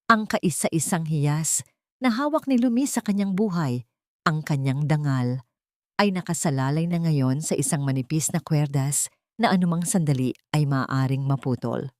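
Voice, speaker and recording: A woman reads a dramatic story from a script in a storytelling style, her lowish voice slow, measured, and somber. The recording is close and dry, with no room around it.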